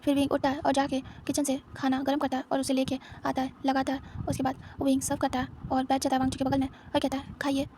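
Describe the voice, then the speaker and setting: A woman narrating a romance fan fiction story at a rapid, even clip. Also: high voice, slight background noise.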